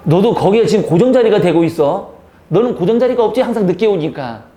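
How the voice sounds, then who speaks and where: A male teacher giving a classroom lecture, teasing and scolding his students as he teaches, now and then acting out their reactions in squeaky voices. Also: expressive, quick pace, dark tone.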